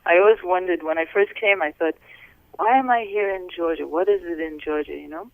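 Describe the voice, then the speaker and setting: A middle-aged woman from Wales, a physician guest on a podcast, speaking softly and unhurriedly, with many pauses, over a phone call. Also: lowish voice, dry recording. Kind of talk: casual interview talk. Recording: tinny phone line.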